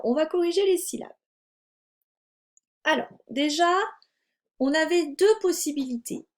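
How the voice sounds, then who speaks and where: Slow, gravelly-voiced French teacher. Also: female voice, fairly high pitch, a little mellow. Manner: slow, clearly articulated, addressing the child as "tu". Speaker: primary school teacher. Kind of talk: remote lesson dictation to a young child.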